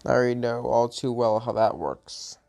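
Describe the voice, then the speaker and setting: Over his gameplay, a gaming channel host talks at a mid pitch and moderate pace with a darkish tone, recorded on a home microphone. The commentary is unscripted, rambling, and chatty; he sounds a little tired and often trails off or corrects himself mid-sentence.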